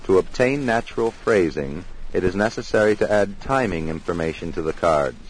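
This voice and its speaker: A man giving formal, measured scripted narration for a technical demonstration. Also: deep voice, lively intonation, a little hiss or hum, low-quality recording. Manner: formal, measured explanatory delivery.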